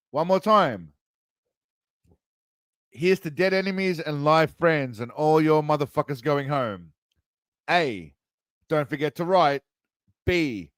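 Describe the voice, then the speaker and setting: A man's voice: on the high side, no room sound. A tipsy man hosting a casual livestream quiz, rambling, swearing and reading answer options aloud. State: tipsy, self-described as wasted. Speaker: streamer running a quiz.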